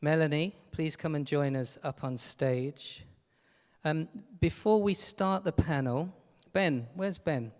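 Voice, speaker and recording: A man's voice: on the high side, slow pace, a little mellow. Male event host, upbeat announcements, hall echo. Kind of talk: stage announcements. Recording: long hall reverb.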